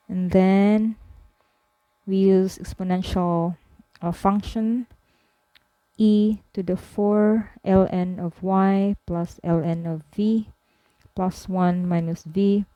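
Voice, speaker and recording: A woman math tutor slowly talking through a worked problem step by step, with frequent fillers. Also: fairly low pitch, dark tone, no echo, muffled recording. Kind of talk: screen-recorded math lesson.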